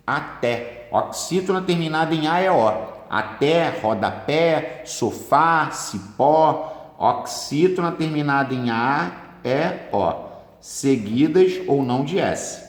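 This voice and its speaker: A man with a Brazilian Portuguese accent teaching a grammar lesson for exam prep, stretching words for emphasis. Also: fairly high pitch. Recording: roomy echo with long reverb.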